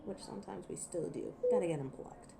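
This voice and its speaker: In a scripted audio roleplay monologue to a listener, a woman voices a cocky, ancient werewolf who teases and menaces with a sardonic, impatient manner, sounding wry as she explains things. Her lowish voice is gravelly and brisk. The recording is very noisy.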